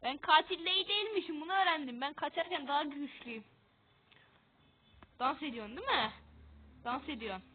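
A woman with a high voice talks through her game in casual commentary. She is excitable and quick to mock her own losses. The audio is narrow and tinny, like a phone line. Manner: excitable, self-mocking about losing. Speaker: gamer.

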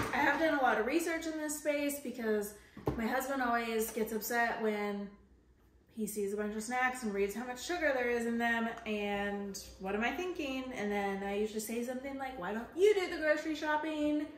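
Chatty mom vlogger in an echoey kitchen. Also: female voice, fairly high pitch. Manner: chatty, upbeat, with filler words. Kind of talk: casual grocery haul vlog. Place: home kitchen, indoors. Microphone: camera on counter, mid framing. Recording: echoey kitchen with faint noise.

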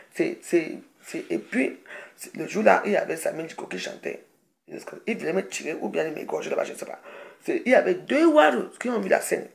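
A woman with a deeply gravelly, fry-heavy voice talks straight to camera in a loose, rambling way. She circles back on herself, restarts sentences and piles up asides as she tells her story on a casual live video. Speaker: social media personality.

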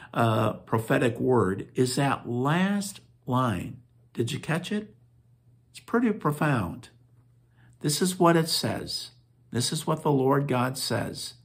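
A man gives a short reflection as a pastor, reading the passage slowly and deliberately. His voice is gravelly and slightly husky, and his phrases trail off at the ends. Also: medium pitch. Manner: slow, deliberate, with dropping phrase endings.

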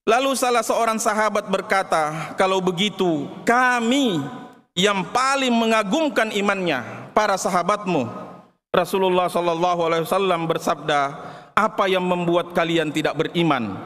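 Male preacher, high voice, measured and emphatic sermon delivery with Arabic recitation, big echoing mosque hall. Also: fairly bright tone. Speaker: Friday preacher. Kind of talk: formal Friday sermon.

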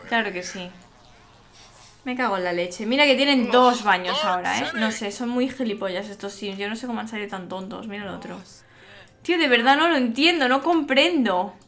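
Chatty Spanish woman streamer, music behind. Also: medium pitch. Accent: Spain. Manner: chatty, exasperated, swearing. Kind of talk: live gameplay commentary.

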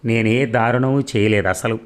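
A man's voice: medium pitch, steady tone, moderate pace, lightly acted. A man voicing a bewildered young wife in a read-aloud serial novel, speaking in a confused, pleading way.

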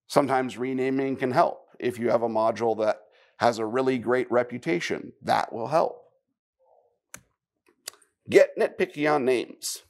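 A man giving a live technical conference talk, conversational, with wry asides and quick questions to the audience. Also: medium pitch. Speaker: conference speaker.

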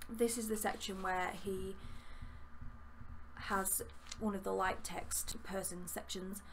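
Speaking slowly in a steady, mid-range voice, a young woman with a Yorkshire accent enthusiastically discusses a book from her desk in a relaxed review vlog, filling her speech with ums and likes. The setting is a small bookshelf-lined room indoors, and the audio is poor with a little background noise.

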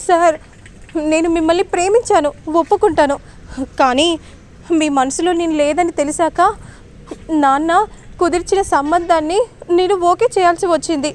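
Pleading young woman, high and emotional, voiced by a female narrator. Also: normal speed, long pauses, a little mellow. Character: anxious young woman torn between lover and father.

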